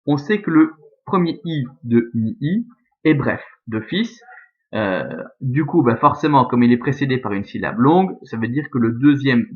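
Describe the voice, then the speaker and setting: A man's voice: mid-range voice, phone-quality sound. A man teaching a lesson, methodically walking through the scansion of a verse step by step. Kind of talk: scanning Latin verse in a recorded lesson.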